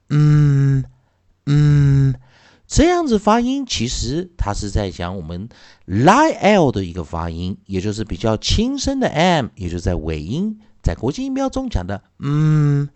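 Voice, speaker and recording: A man teaching an English phonics lesson, slowly drawing out and repeating each sound for his students. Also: medium pitch, darkish tone, no room sound.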